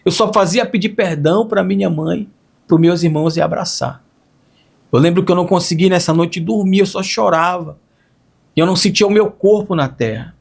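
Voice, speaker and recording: A man with a lasting hoarse, raspy voice, earnestly telling an emotional faith testimony and repeating phrases as he recalls it. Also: high voice, normal speed. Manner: earnest, storytelling with repetitions. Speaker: testimony speaker.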